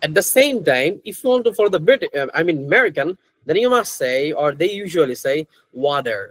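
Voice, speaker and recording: Bangladeshi guy teaching english class, bit high voice, dry close sound, switches languages n quizzes students. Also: very animated, very slow, no room sound, rough recording. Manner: mixes Bengali with English phrases, asks the class questions. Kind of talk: online class lecture.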